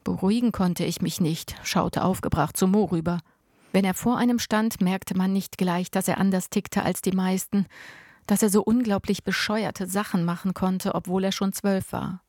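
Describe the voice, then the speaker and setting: Woman, audiobook narration, lively reading, dry close mic. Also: mid-range voice, moderate pace, dry recording. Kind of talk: scripted first-person narration.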